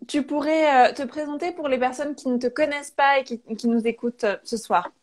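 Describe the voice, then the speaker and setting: A woman's voice: high voice, a little fast. A woman hosting and moderating a live interview, eager, with frequent fillers in her introductions. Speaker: host and moderator.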